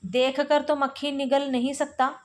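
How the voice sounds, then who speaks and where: A woman's voice: high-pitched, flat delivery, unhurried. A woman reading a stubborn principled professor. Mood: steady. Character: principled middle-aged male professor, stubborn. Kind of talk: reading a play aloud for exam study.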